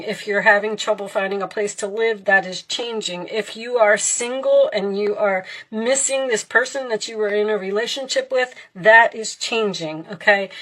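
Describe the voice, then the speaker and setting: A woman giving a casual tarot reading, speaking directly and reassuringly to the listener, sometimes halting and repeating words as she thinks. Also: medium pitch, a bit bright, low-quality recording. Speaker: tarot card reader.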